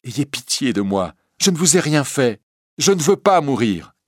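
A man's voice: medium pitch, steady tone, moderate pace, fairly bright tone, dry recording, studio quality, pitched above the performer's own voice, close to an everyday voice. A man reading a story aloud, voicing a frightened young woman who defies her captors and begs for her life. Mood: terrified pleading. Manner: defiant, then terrified pleading.

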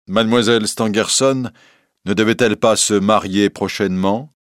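A man's voice: fairly low pitch, fairly even intonation, normal speed, no echo, studio quality, lightly acted. A man doing a curt, probing police chief. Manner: curt, questioning. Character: brisk middle-aged male police chief, dry and probing. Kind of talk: audiobook character reading.

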